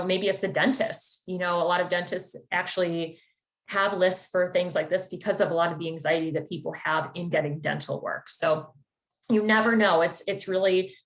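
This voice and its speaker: A woman from the Chicago area, a therapist, giving an informative webinar talk in a conversational, explanatory way. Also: lowish voice. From Chicago area, United States. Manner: conversational and explanatory, with occasional fillers. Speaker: therapist presenting a wellness webinar.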